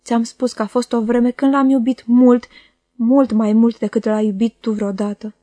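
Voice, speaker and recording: A woman's voice: fairly high pitch, little pitch movement, dark tone, no echo, close to an everyday voice. A woman reader voicing a proud, bitter, jealous young woman who speaks with scornful, impassioned force in an audiobook. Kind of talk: audiobook character voice.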